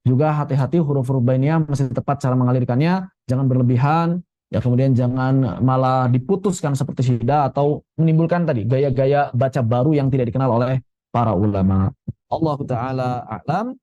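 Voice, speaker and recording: A man teaching tajwid, explaining quickly and then reciting example words slowly and carefully. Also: medium pitch, warm tone, no echo, muffled recording. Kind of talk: Quran recitation lesson.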